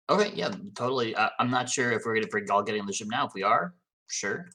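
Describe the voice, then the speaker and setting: A woman playing a tabletop game, earnest and polite, halting as she thinks. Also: a bass voice, expressive, fairly bright tone. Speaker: player.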